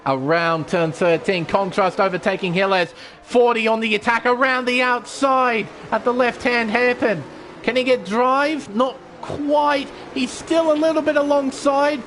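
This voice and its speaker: A man commentating live on a motorsport race as an excitable play-by-play commentator. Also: extremely high pitch, unhurried, slight background noise. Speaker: motorsport commentator for online sim racing.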